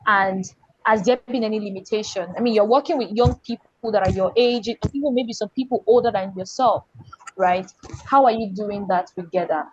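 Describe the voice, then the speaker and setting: A woman's voice: medium pitch, moderate pace, lo-fi sound, a little hiss or hum. A woman hosting an online panel over a video call, circling back and restarting her questions. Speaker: panel host.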